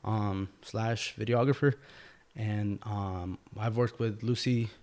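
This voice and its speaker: A podcast host of Mexican heritage conducts a casual interview chat in a guest's home, speaking in a laid-back, filler-heavy way and saying "you know" a lot. His voice is fairly low and a little mellow, with fairly even intonation and a slow pace.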